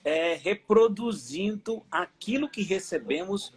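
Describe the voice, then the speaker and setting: A middle-aged man, a pastor telling his testimony as a guest, animated and repeating words for emphasis. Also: high-pitched, takes it slowly, breathy edge. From Aracaju, Brazil. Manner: animated storytelling, emphatic repetition. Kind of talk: personal testimony in a live interview.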